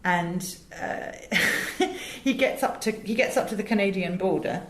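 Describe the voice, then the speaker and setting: An English audio director and producer tells anecdotes and explains her work in an interview, articulate and emphatic in animated conversational storytelling. Her mid-range voice runs a little slow, and the sound is roomy and echoing.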